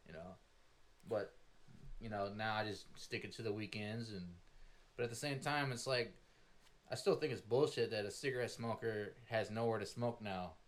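A man talking in a relaxed, casual podcast chat, slangy and profane. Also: on the low side, normal speed. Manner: laid-back, slangy and profane.

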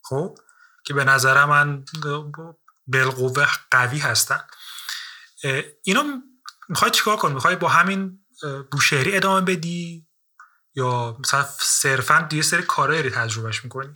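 A man's voice: a little high, sharp tone. A man interviewing a musician, talking casually and searching for words, with many fillers and restarts.

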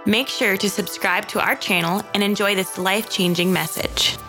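A woman's voice: medium pitch, fairly even intonation, normal speed, pushed and bright, rough recording. A woman reading a scripted promotional intro for a podcast as its announcer. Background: music.

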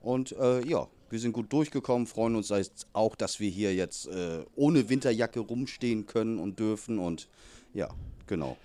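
A man's voice: on the low side, normal speed. A man from Vietnam, a youth football coach, chatting casually in an interview and often affirming with short fillers. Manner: relaxed, chatty, many fillers like "genau".

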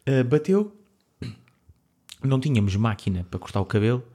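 Um jovem adulto com sotaque português europeu conta uma história num podcast descontraído. Fala de forma animada, com muitos risos pelo meio, e a voz tem altura média. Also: male voice, medium pitch, normal speed. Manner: lively storyteller, laughs often. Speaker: podcast co-host. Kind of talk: casual chat.

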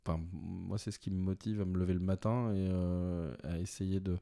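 A man's voice: low-pitched, steady tone, moderate pace, vocal fry, dark tone, smooth. A man being interviewed as a brand executive, answering in a hesitant way with many restarts. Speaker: executive director of a watch brand, guest.

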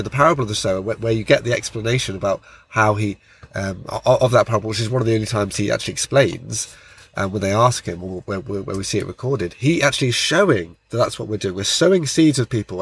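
A man's voice: fairly low pitch, fast, slightly rough. A man co-hosting a conversational podcast in a car park, explaining things earnestly with frequent digressions. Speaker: podcast co-host.

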